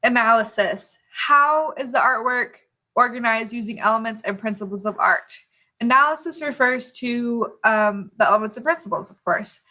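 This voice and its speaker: Teaching like the art teacher she is, a woman explains her lesson while throwing out rhetorical questions and little "okay" check-ins. Her fairly high voice sounds pushed and bright, and the recording is rough.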